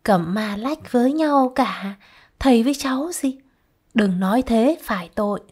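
A woman's voice: fairly high pitch, lively intonation, measured pace, a little mellow, breathy edge. A woman voicing a swaggering, lecherous male soldier who bullies and threatens, in a spoken storybook reading. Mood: leering. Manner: brash, flirty, then threatening.

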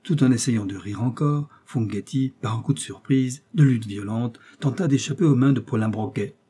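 A man narrating an adventure novel aloud in a measured, dramatic storytelling manner. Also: mid-range voice, dark tone, breathy edge. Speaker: audiobook narrator. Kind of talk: scripted narration.

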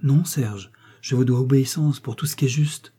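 A man's voice: mid-range voice, normal speed, husky. A man voicing a faint, devout young princess. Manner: soft, faint.

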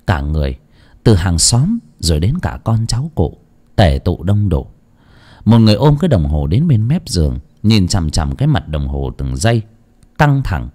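A man narrating a story in an expressive, dramatic way. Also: fairly low pitch. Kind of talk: scripted audiobook narration.

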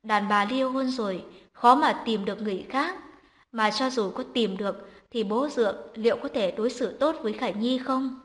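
A woman's voice: a little high, normal speed, big-room sound, close to an everyday voice. A woman narrator voicing a traditional older grandmother who earnestly advises her daughter in an audio story. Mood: advising.

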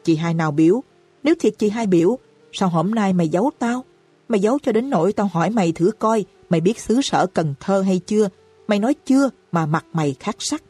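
A woman voicing a hot-tempered young husband in an audiobook, hurling rapid, furious accusations. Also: mid-range voice, animated, warm tone, breathy edge, dry recording, faint music behind.

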